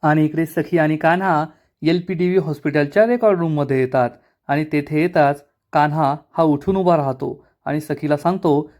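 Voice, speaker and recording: A man's voice: fairly high pitch, normal speed, darkish tone. A man reviewing a television serial episode, narrating the scenes one by one in a vivid storytelling way.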